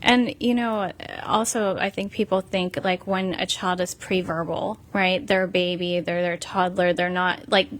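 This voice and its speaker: A woman's voice: lowish voice, fairly even intonation, moderate pace, hardly any pauses. Earnest woman explaining on a panel. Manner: earnest, explaining with many fillers. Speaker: guest, former child welfare worker. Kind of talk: casual panel chat.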